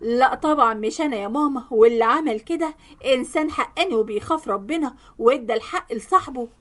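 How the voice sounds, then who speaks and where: A woman voicing a quiet young husband who sounds wounded and disbelieving. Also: sits high, fast talker. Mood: hurt. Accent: Egyptian Arabic.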